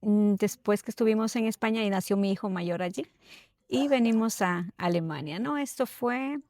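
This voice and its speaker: A middle-aged Ecuadorian woman, appearing as an interview guest, tells her personal story haltingly and keeps checking in with tag questions. Her voice is medium in pitch and a little mellow, with no room sound.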